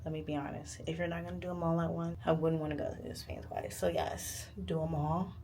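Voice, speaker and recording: A woman's voice: low-pitched, level tone, a little fast, a little mellow, a little hiss or hum. A woman chatting casually to camera as a vlogger, candid, informal and slangy.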